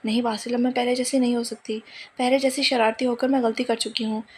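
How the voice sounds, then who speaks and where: A woman reading as a remorseful, heartbroken young woman. She talks through tears and blames herself. The voice is slightly high and flat in an audio novel reading. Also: fast, slight background noise, natural voice. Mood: tearful. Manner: tearful, self-blaming.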